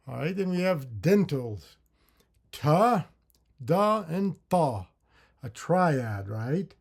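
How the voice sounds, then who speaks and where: A man teaching a lecture on consonant sounds, slowly voicing example syllables and thinking aloud with fillers and restarts. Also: a little high, warm tone. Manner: slow, deliberate, with drawn-out syllable demos. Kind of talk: lecture on phonetics with spoken sound demonstrations.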